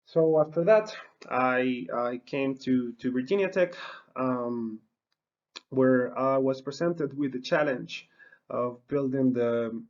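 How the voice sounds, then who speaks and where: A middle-aged man from the Dominican Republic, a university horticulture researcher, gives an extension webinar talk in a mid-range voice. His sentences are full of uh and um and frequent restarts, and the audio is dull.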